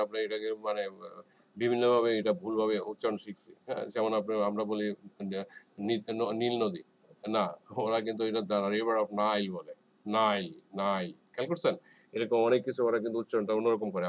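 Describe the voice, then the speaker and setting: A man's voice: on the low side, low-quality recording. A man teaching an exam listening lesson in a casual, rambling way, full of hesitations and repeated filler words. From Bangladesh. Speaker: IELTS teacher.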